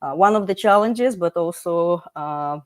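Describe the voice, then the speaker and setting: A woman's voice: on the low side, measured pace, dry recording. A woman hosting a livestream panel over a video call, chatty, with many fillers and restarts. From United States. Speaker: livestream host.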